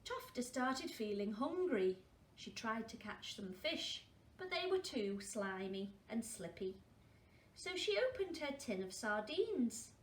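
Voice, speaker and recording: A woman with a fairly high voice reads a story slowly to young children, her pitch swinging widely. She's a school storyteller who adds questioning asides for her listeners. The mic is distant and the room sounds roomy, with faint noise.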